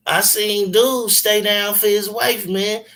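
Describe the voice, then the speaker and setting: Man, forties, high-pitched, bright sharp tone, rambling casual phone chat, slangy and emphatic. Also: steady tone, takes it slowly, low-quality recording. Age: 40s. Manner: rambling, emphatic, slangy and profane, many restarts. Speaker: caller on a phone conversation.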